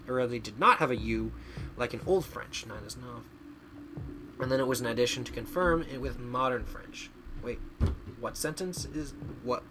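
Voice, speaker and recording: A man's voice: mid-range voice, bright, forceful tone, a little hiss or hum. A man from Canada doing live game stream commentary, chatting away and playfully arguing with his chat as he reads it aloud.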